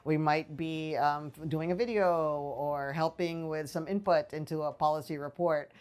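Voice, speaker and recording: Speaking in a low, slightly mellow voice, a political science professor from the Philippines gives faculty interview answers at a normal pace. Her tone stays steady, though she's thoughtful and often restarts or uses fillers. She's recorded on a lapel mic in a small indoor office with bookshelves.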